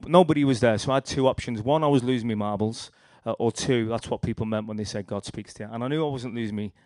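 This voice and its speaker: A man's voice: medium pitch, darkish tone, dry recording, clean studio sound. Liverpudlian man telling his testimony. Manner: rambling, storytelling with restarts and acted quotes. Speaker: speaker sharing a testimony. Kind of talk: personal testimony.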